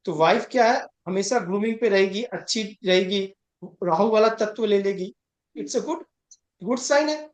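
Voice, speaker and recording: A man with a voice that sits high teaches an astrology class at normal speed in a conversational style. He stresses points emphatically, keeps asking whether students follow, and mixes English terms into his Hindi, with a roomy echo in the recording.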